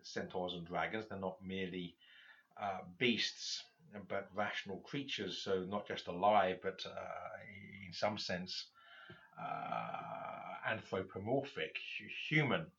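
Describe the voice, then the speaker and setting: Halting low-voiced male lecturer, muffled. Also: animated, creaky, fairly bright tone. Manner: halting, many fillers and restarts. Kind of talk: literature lecture.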